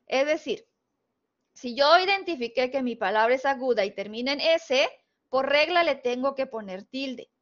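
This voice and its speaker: A woman's voice: high-pitched, a bit bright. A woman with a northern Mexican Spanish accent teaching a spelling lesson, patiently explaining rules step by step and checking in with her students. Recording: dull, lo-fi recording.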